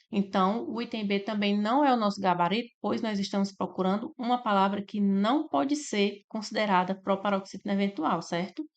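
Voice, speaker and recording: A woman with a Brazilian Portuguese accent teaching a grammar lesson for exam prep. She explains step by step, slowly drawing out syllables and checking in with "né?" and "tá?". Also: mid-range voice, dull audio. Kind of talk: slide-based grammar lesson.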